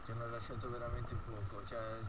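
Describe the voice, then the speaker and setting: A man's voice: medium pitch, level tone, fairly quick. A teenage boy chatting casually inside a motorcycle helmet as he rides, recorded on an action camera's own microphone. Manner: talking inside a motorcycle helmet while riding. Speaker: motovlogger. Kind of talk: casual chat while riding. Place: outdoors on a moped in town traffic. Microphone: action camera's built-in microphone, no external mic. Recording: loud engine and wind noise, poor camera microphone.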